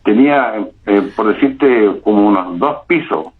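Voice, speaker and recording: A middle-aged man with a Chilean accent, calling in to tell a personal paranormal experience, speaking haltingly with frequent restarts and repetitions. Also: fairly low pitch, animated, slightly rough. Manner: halting, repeats himself, many restarts. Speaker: caller telling a paranormal experience. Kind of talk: first-person storytelling. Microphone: phone. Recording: tinny phone line.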